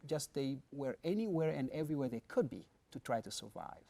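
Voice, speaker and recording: A middle-aged pastor from the Democratic Republic of the Congo answers questions in a studio interview, explaining things earnestly with many fillers and restarts. His medium-pitched voice is animated, creaky and mellow, and he talks a little fast.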